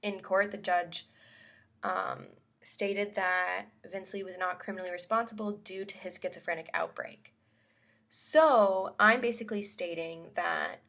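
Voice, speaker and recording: A woman's voice: on the low side, creaky, fairly bright tone. A woman hosting a talk segment, delivering a scripted opinion monologue with emphatic, formally argued phrasing.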